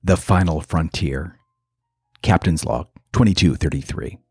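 A man reading a scripted podcast introduction with measured, dramatic emphasis. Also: low-pitched, a little mellow, husky, dry recording, faint music behind. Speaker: podcast host.

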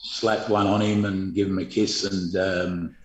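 A middle-aged Australian man, once a footballer, tells stories in an interview in a rambling, laid-back way with lots of fillers. His low-pitched voice has little pitch movement and a measured pace, recorded in an echoey room with slight background noise.

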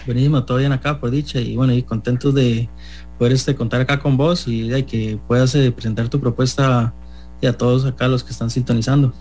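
A man hosting a radio show, chatting quickly with filler words while interviewing a guest. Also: mid-range voice, steady tone, a little mellow, faint music behind. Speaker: radio host.

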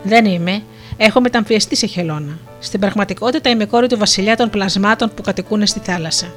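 A woman narrator voicing a gentle sea princess disguised as a turtle, melodious, playful and kind, with faint music behind. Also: mid-range voice, close to an everyday voice.

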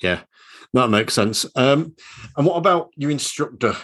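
A man's voice: medium pitch, animated, unhurried, a bit bright. A man hosting a podcast as a driving instructor, asking questions and giving advice in an encouraging, conversational way. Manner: encouraging, conversational, some hesitations.

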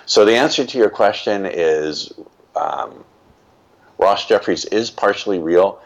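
A man's voice: fairly low pitch, a little slow, vocal fry, dull audio. An older man, a guest in an interview, telling stories from his life in a reflective, emphatic way. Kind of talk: reflective storytelling.

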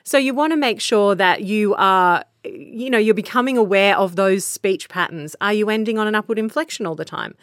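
A woman's voice: medium pitch, normal speed, a bit bright, no room sound, clean studio sound. An Australian woman hosting a podcast, giving earnest, practical advice on speaking in a conversational teaching style. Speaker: podcast host and voice coach.

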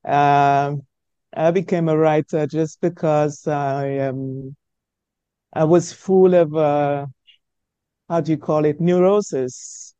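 Middle-aged woman guest, stammering restarts, warm low-key tone, muffled lo-fi line. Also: fairly even intonation, slow pace, smooth, dry recording. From Cameroon. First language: French. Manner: hesitant, searching for words, frequent stammered restarts. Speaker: author guest. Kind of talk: conversational interview answers.

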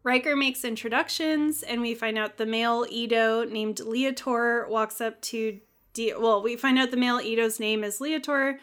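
A woman's voice: on the high side, fairly bright tone. A woman co-hosting a podcast, recapping a TV episode from her notes in a wry, sarcastic way and laughing often. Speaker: podcast co-host.

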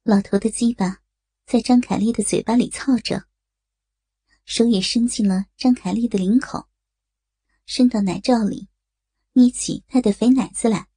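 A woman narrating a scripted story in a steady storytelling manner. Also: a little high, normal speed, long pauses, breathy edge, no room sound.

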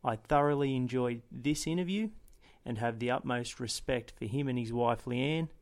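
A football podcast host speaks in a measured, formal manner, his voice sitting at an ordinary middle pitch for a man, neither deep nor high. He starts by reading a scripted intro and then shifts into a conversational interview.

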